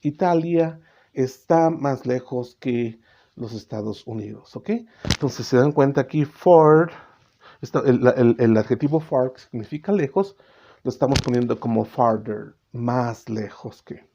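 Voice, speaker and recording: A man teaching English grammar in a bilingual class, often checking in with "ok?" and slowing down to model English words. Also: mid-range voice, creaky, dark tone. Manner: switches between Spanish and English, checks in with "¿ok?". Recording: slightly dull recording with faint noise.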